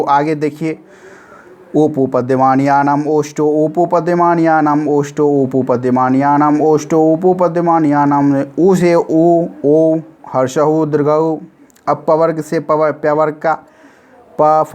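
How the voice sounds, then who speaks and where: A man gives a recorded grammar lesson in a voice a little higher than most men's. He drills short memory formulas by chanting them slowly, over and over, and asks listeners to say them along with him. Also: a little mellow. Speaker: grammar teacher. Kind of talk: classroom-style recorded lesson.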